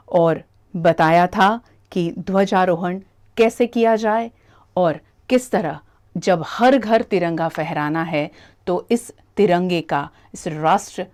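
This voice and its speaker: A woman reporter reading a scripted news voice-over in a measured, formal way. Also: on the low side, darkish tone.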